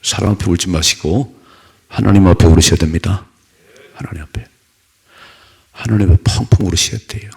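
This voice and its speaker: A man preaches at an early-morning church service, his low voice heavily gravelly and very husky. He talks to the congregation conversationally, tossing out rhetorical questions and weaving in personal stories. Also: a little fast, long pauses, darkish tone. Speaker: pastor.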